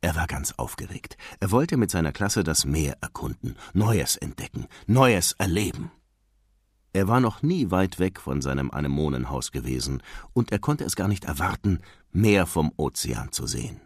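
Deep-voiced man reading a storybook. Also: moderate pace, slightly rough, no echo. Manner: expressive, animated storytelling. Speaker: narrator. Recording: dry close sound.

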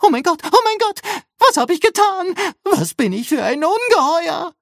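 A man's voice: big pitch swings, moderate pace, vocal fry, a bit bright, no echo, studio quality, exaggerated voice. A man voicing Rambo, an anxious male vacuum robot who shrieks in panic, in an audiobook. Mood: panicked. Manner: panicky, shrill outbursts.

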